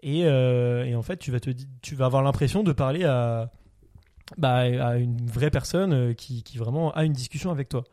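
A man's voice: medium pitch, normal speed, dark tone. A man co-hosting a casual podcast, talking about films with enthusiasm and lots of hesitant fillers. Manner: enthusiastic, hesitant with many fillers, laughs often. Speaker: podcast co-host. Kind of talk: casual film chat.

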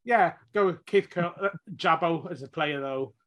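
A man's voice: fairly high pitch, normal speed, fairly bright tone, a little hiss or hum. A man joining a casual football podcast chat, hesitant and full of ums. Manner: hesitant, lots of fillers. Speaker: podcast co-host.

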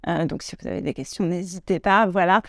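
A woman's voice: on the low side, steady tone, quick pace, gravelly, fairly bright tone, no echo, clean studio sound. A woman hosting her podcast in a casual, chatty monologue, full of fillers and little laughs. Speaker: podcast host.

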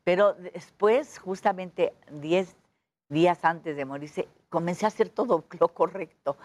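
A woman with a low voice and a Mexican accent, chatting as a guest. She tells her stories with feeling and acts out the dialogue. She sounds middle-aged. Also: a little slow. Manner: chatty, animated storytelling with quoted dialogue. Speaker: guest performer. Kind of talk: casual interview chat.

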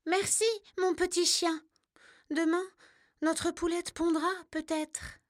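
A woman voicing a poor, plaintive little old grandmother in a children's storybook reading, with a high, thin, quavering voice. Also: little pitch movement, slow pace, no echo, clean studio sound. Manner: plaintive, sighing.

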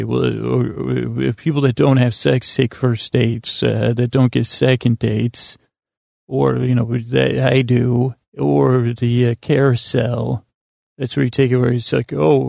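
With vocal fry and a warm, medium-pitched voice, a middle-aged man hosts a sleep podcast, ambling through a bedtime monologue. He is halting and wryly whimsical, self-deprecating, pausing often and dropping tangents unfinished; the audio is dry and studio quality.

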